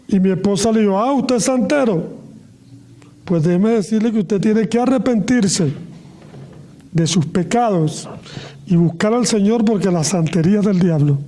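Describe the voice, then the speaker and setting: A middle-aged man preaching a sermon in a notably high voice with a mellow, soft tone. He slows down and lets his pitch fall at the end of each phrase.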